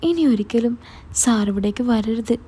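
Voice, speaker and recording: A woman's voice: on the high side, lively intonation, measured pace, warm tone, slightly rough. Woman voicing a pleading, weary mother. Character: troubled middle-aged mother, pleading and tired.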